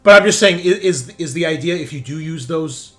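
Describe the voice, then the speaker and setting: Soft music plays behind a man with a higher voice who talks fairly quickly while game-mastering a tabletop game over a headset call. He chats casually and repeats phrases as he thinks aloud, and background noise is clear.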